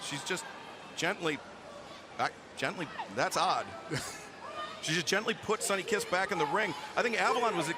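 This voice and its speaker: A man's voice: high voice, moderate pace, pauses often. A man doing live play-by-play wrestling commentary, calling moves in clipped phrases and exclaiming at the big moments. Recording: noisy arena, loud crowd behind. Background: loud crowd and arena slams.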